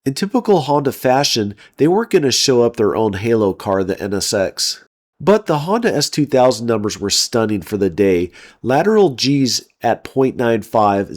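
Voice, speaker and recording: Lively, opinionated middle-aged man narrating. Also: mid-range voice. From United States. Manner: enthusiastic, opinionated. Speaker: car channel host. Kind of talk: scripted narration.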